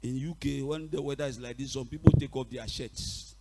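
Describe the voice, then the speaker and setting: Gravelly preacher shouting his declarations. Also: mid-range voice, fairly even intonation, fairly quick, heavy background noise. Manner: declaring in short bursts, shouting refrains, chuckling asides. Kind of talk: sermon with live interpreter.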